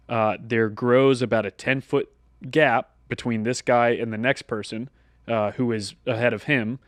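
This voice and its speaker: Man telling an animated story on a podcast. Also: mid-range voice, dry recording. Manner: animated anecdote teller who acts out the dialogue. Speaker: podcast co-host. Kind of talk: casual storytelling chat.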